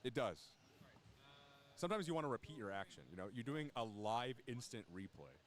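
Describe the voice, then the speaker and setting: A man's voice: mid-range voice, big pitch swings, fairly quick. A man doing casual live commentary at a fencing tournament, chatty and joking as he plays with the soundboard.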